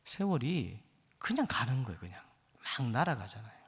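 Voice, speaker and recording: A man's voice: mid-range voice, very animated, brisk, breathy edge. A man in his fifties, a guest pastor preaching a sermon with impassioned, rising exhortation in a church sanctuary. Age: 50s. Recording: long church hall reverb.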